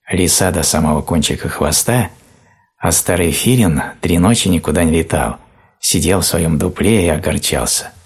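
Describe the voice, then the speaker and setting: Deep, husky male storyteller. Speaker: narrator. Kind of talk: reading children's fairy tales aloud.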